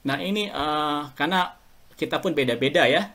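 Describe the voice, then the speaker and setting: A man's voice: on the high side, moderate pace, bright, forceful tone. A middle-aged Indonesian man, a guest in a casual podcast interview, telling anecdotes and chuckling as he talks. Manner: chatty and anecdotal, chuckles while talking. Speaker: guest alumnus.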